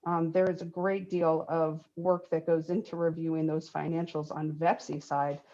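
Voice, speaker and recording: A woman giving formal testimony to a committee over a crackly remote phone line that fades in and out, speaking in a measured, explanatory way with frequent ums. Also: low voice, flat delivery, warm tone. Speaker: state agency official testifying to a committee. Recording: dull lo-fi call audio, breaking up.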